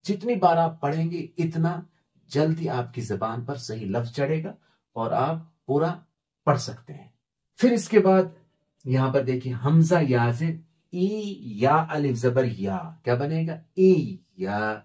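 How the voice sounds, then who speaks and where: Slow, patient male Quran teacher. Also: on the high side, animated, darkish tone. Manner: patient, spells out letters then recites words slowly and drawn out; asks and answers his own questions. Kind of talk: step-by-step recitation lesson.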